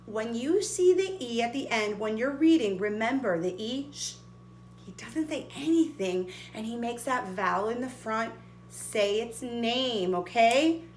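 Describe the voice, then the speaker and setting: A woman teaches young children to read, and she stretches each letter sound slowly and encourages them warmly. Her voice sits a little high. The room around her rings with echo. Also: animated, a little hiss or hum. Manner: slow, sounds out letters and words; cheerful and encouraging. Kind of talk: phonics lesson for young children.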